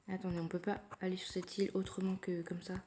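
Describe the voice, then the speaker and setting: A woman giving casual commentary while playing a mobile game, thinking aloud in a quiet, low-key way, recorded through her phone. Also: flat delivery, fast talker, a little hiss or hum. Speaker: mobile gamer narrating her play. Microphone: phone screen recording.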